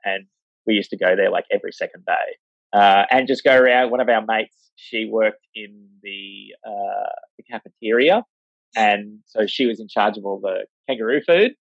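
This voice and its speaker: His voice is lowish with vocal fry, moving at a moderate pace in a dry recording that sounds a little dull. As a casual interview guest talking about life as a vet, he meanders with many fillers and mimics the people he quotes.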